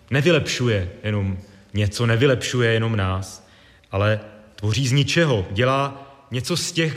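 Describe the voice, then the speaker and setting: Male preacher, measured and deliberate, sermon, long church reverb. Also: mid-range voice. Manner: measured, deliberate delivery with pauses.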